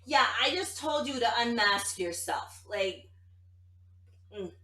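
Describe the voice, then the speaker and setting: Blunt female tabletop player, highish animated voice, challenging delivery, echoey room. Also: slow, far from the mic. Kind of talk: casual improvised role-play chat.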